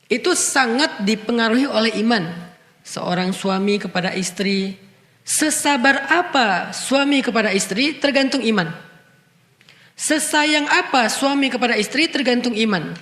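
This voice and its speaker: A man giving an Islamic sermon, chanting Arabic hadith lines and then explaining them in lively, casual talk. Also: very high voice, a little slow. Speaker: preacher. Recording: echoey hall reverb.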